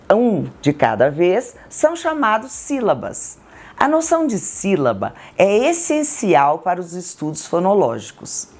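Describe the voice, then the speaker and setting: A woman with a Brazilian Portuguese accent, a textbook author explaining literacy activities slowly and deliberately. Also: medium pitch, darkish tone. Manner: slow, deliberate, syllable-by-syllable examples. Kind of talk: educational explainer.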